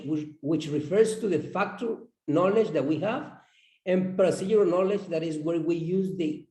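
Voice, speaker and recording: A man explaining his classroom lesson plan as an English teacher, halting and repeating words as he goes. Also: high voice, dark tone. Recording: roomy echo.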